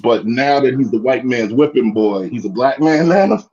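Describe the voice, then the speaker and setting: A guest caller comes through on muffled, lo-fi call audio, his medium-pitched, darkish voice rising and falling lively at a moderate pace. Fired up and rambling, he repeats himself and keeps saying "you know what I mean" as he delivers heated casual commentary.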